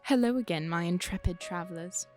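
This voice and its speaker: A woman's voice: fairly low pitch, fairly quick, darkish tone, close to an everyday voice. Woman playing an arch fairy storyteller. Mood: arch, knowing. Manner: arch, conversational. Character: teasing, worldly fairy storyteller guiding travellers. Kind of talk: theatrical scripted narration. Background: music.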